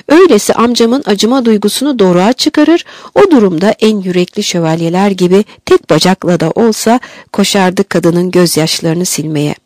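A woman's voice: mid-range voice, darkish tone, no room sound. Woman reading a novel aloud, dry. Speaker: audiobook narrator. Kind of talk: scripted literary narration.

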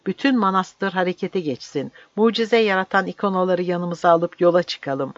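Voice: medium pitch, normal speed, dry recording, voice pushed up, lightly acted. A reader doing a fervent young monk. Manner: fervent, pleading, rising declamation. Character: passionate young male monk turned partisan. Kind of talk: audiobook reading. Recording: dry, slightly dull.

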